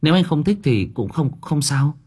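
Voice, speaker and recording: A jittery young woman speaks fast and stumbles in a raised voice. A man plays her in a storybook reading. Her tone is a little husky. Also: fairly high pitch, animated, a little mellow, voice pushed up. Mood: eager. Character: eager, anxious young woman.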